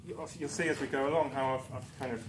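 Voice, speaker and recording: In a darkened lecture room, a conference speaker from Newcastle, England, talks fast in a mid-range voice with fairly even intonation. He rambles chattily, mocks himself, and restarts often with lots of ums; the far camera catches echo and background noise.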